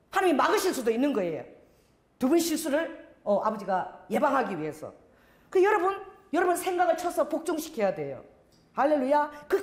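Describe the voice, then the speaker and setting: A middle-aged woman pastor preaching a sermon, telling a story and acting out the voices in it. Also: high-pitched.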